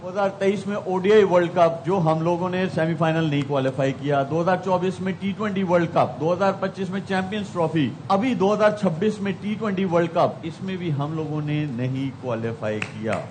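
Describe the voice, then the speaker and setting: Brief: male cricket pundit, high voice, music faint behind. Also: brisk, hardly any pauses, a little mellow, low-quality recording. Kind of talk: studio discussion.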